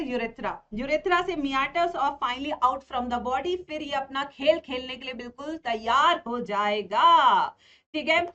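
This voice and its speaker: A woman's voice: high voice, a bit bright. A young adult woman giving a playful online biology lesson for exam prep, asking her students questions and answering them herself. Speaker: biology teacher. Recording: dull lo-fi stream audio.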